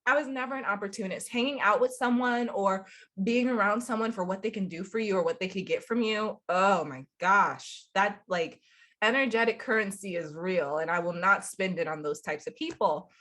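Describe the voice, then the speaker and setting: A woman's voice: mid-range voice, fairly quick, fairly bright tone. A young adult woman with a congested voice, talking casually to camera as a spiritual coach, chatty and upbeat with frequent laughs. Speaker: spiritual coach and channel host.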